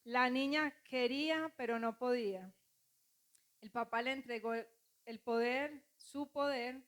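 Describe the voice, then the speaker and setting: A woman pastor preaching a sermon, calling on the congregation to repeat after her and acting out quoted voices. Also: high-pitched.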